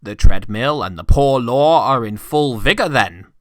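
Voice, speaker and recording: A man's voice: mid-range voice, expressive, unhurried, a bit bright, no room sound, clean studio sound, voice pushed up. Man playing Scrooge, a growling old miser. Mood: cold sarcasm. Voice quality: growling, muttering. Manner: curt, cold, dismissive. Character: miserly, gruff, scornful old businessman.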